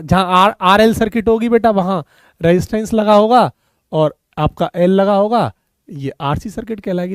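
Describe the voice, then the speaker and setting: A man's voice: sits high, clear, resonant tone, dry recording. A man teaching a physics class online, calling students "beta" and explaining step by step in a conversational way.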